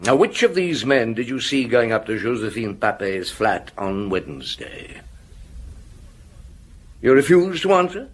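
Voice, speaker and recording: Shrewd police inspector, swooping pitch, husky. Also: male voice, big pitch swings, a little slow. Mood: firm, formal. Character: shrewd, dogged middle-aged male police inspector, dryly courteous. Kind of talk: radio drama acting.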